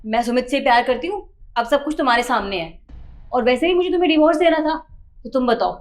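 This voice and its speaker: A woman's voice: sits high, lively intonation, fast. A woman playing a defiant cheating wife. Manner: defensive, dismissive. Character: wife Shikha, defiant and caught hiding a lover. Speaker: actor in a short film. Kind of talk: melodramatic short-film acting.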